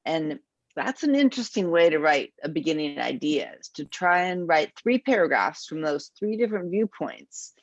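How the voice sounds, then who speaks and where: A woman with a lowish, very lively voice talks about writing with fellow authors. She explains things animatedly and laughs easily. The call audio sounds dull and lo-fi. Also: normal speed, dry recording. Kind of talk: casual video-call chat.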